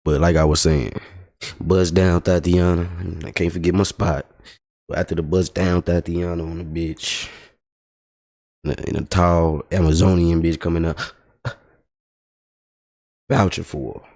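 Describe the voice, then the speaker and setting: A man's voice: low-pitched, little pitch movement, measured pace, pauses often, darkish tone. A man livestreaming a casual, profane, exasperated storytelling rant. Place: home streaming setup.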